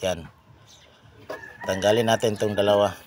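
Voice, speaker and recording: Halting man, low voice. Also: flat delivery, heavy background noise. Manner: halting, repeats himself, many pauses. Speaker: mechanic. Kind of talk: explaining a car repair to viewers.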